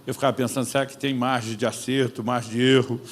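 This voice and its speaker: A man preaching, an animated storyteller who acts out conversations in his own voice. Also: medium pitch, quick pace, slight background noise. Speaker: pastor. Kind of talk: sermon storytelling.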